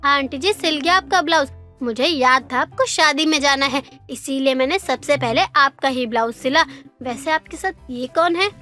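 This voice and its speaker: A woman voicing a patient, polite young tailor in a cartoon story, speaking gently and respectfully. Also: sits high, moderate pace, soft background music.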